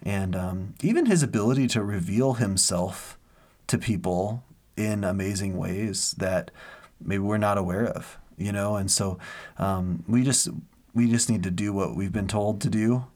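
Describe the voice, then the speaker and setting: An earnest man talks through matters of faith in a casual chat, with a fairly low voice. He wanders into stories, pausing on fillers and restarting his sentences as he goes. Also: darkish tone. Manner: earnest, rambling storyteller with many fillers.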